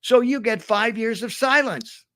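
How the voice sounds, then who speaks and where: A man's voice: very high-pitched, unhurried, pushed and bright, dry recording, studio quality, voice pushed up, exaggerated voice. A man voicing a stern male lion acting as judge in a spoken fable, lecturing and scolding.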